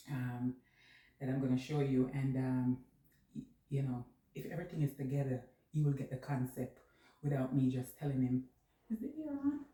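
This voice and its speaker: A woman's voice: rumbling low, warm tone. A woman chatting casually to viewers as she vlogs a home decor haul, rambling and talking to herself while busy. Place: echoey room at home, indoors. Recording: very echoey room, distant mic, noisy.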